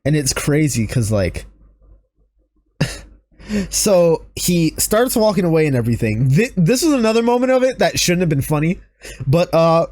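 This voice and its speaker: A young man hosting a casual podcast chat, recapping excitedly and acting out quoted lines. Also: on the high side, a little slow, long pauses, no echo. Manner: animated recapping, acts out quoted lines in raised voices. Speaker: podcast host.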